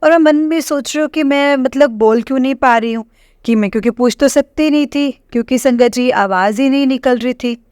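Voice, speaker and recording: A middle-aged woman gives a halting devotional testimony to a congregation, often pausing and addressing her listeners directly. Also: high voice, a little mellow, dry recording, studio quality.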